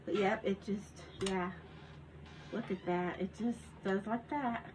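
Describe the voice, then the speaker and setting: In her craft room at home, a Southern woman chats through a show-and-tell vlog about a handmade journal, rambling with restarts and small giggles. Her voice is mid-range, steady, and slow. She's recorded on a phone, with background noise.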